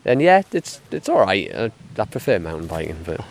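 A man who rides endurance bike races, answering interview questions in a modest, relaxed way and rambling loosely with casual fillers. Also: lowish voice, a little fast, creaky, a little hiss or hum.

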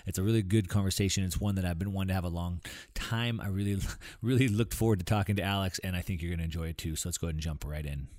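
A man's voice: sits low, rapid-fire, darkish tone. Chatty male podcast host. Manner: friendly, chatty, many "um" and "so" fillers. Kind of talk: podcast interview. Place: conference venue.

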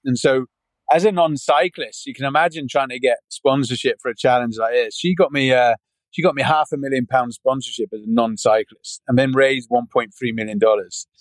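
A man's voice: mid-range voice, fairly quick, dry recording, low-quality recording. Chatty British man in his forties. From United Kingdom. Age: 40s. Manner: rambling, many restarts, frequent "yeah" and "you know". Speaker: podcast guest. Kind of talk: casual interview chat.

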